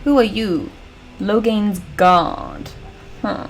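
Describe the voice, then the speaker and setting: A woman from the UK with a British accent talks through a video game as she plays. Her commentary is chatty and jokey, with casual swearing. Her voice sits at a middle pitch, with a faint hiss behind it. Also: drawn-out words. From United Kingdom. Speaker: gaming channel host. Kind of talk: casual let's-play commentary.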